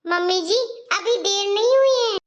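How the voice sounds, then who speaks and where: A woman's voice: very high voice, moderate pace, dull audio. A woman voicing a patient, polite young daughter-in-law in a cartoon story. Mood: calm. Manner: calm, polite, quietly firm.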